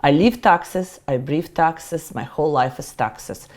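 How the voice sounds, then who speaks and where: A middle-aged Russian woman who works as a tax accountant lectures to the camera with a Russian accent, playful, emphatic and ready to poke fun at herself. Her voice is low with a slightly dark tone, and she speaks a little slowly.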